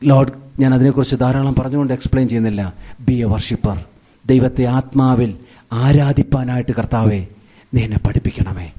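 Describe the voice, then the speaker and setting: A man's voice: mid-range voice, moderate pace, warm tone, breathy edge. A man preaching a sermon as pastor, switching often into English phrases and rising to emphatic cries. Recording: dull lo-fi sound.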